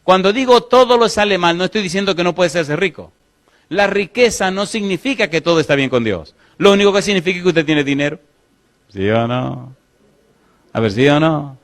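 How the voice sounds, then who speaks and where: A man preaching a sermon as pastor, asking the congregation questions and slowing to read scripture aloud. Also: high-pitched, a bit bright.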